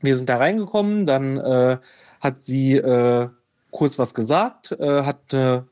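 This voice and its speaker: A man with a mid-range, slightly mellow voice tells a personal story at an unhurried pace as an interview guest. He's hesitant and uses many fillers, and the recording has a dull, lo-fi sound.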